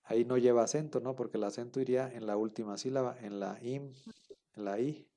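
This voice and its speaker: Mellow-voiced male teacher, patient lecture delivery. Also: medium pitch, fairly even intonation, brisk, slight background noise. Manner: patient, explains step by step, checks understanding often. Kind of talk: online class lecture.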